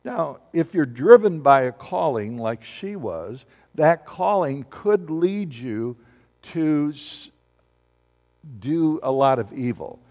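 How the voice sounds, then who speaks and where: A man's voice: a little high, big pitch swings, slow pace, darkish tone. A man preaching a sermon to his congregation, often putting questions to them and asking them to answer aloud. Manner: asks the congregation questions and calls for responses. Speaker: pastor. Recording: long hall reverb.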